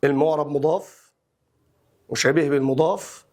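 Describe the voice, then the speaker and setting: A young man with an Egyptian accent and a fairly high voice teaches a grammar lesson. He stretches out each example phrase slowly, then moves quickly through the explanation in an easy colloquial way. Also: darkish tone.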